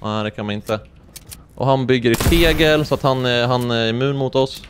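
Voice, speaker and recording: Young male gaming streamer, excitable play-by-play, light background noise. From Sweden. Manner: excitable, swings into high-pitched yelps when surprised. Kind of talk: live gameplay commentary.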